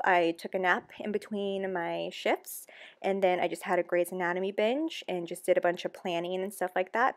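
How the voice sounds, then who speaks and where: A young woman talking candidly through a casual voice-over, chatty and open, with frequent ums and likes. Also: lowish voice. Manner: candid and emotional. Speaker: planner vlogger.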